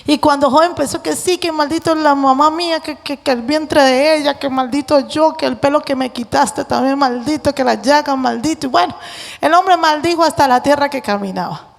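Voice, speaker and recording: A woman preacher giving a lively sermon, acting out voices and joking with the congregation. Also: sits high, moderate pace, vocal fry. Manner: animated, acts out voices, jokes with the congregation. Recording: long hall reverb.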